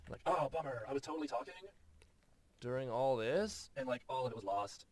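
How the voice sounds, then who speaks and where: A man's voice: medium pitch, animated, a little fast, darkish tone, natural voice. A man putting on a laid-back young male skater surfer dude voice, drawling slang and filling every sentence with "like" and "dude". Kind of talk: comedic put-on voice in a screen recording.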